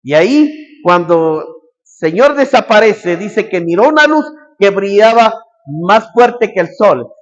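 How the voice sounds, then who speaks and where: A man's voice: high-pitched, lively intonation, measured pace. A man preaching a sermon, retelling a Bible story with acted quotes and sound words. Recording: dull lo-fi recording.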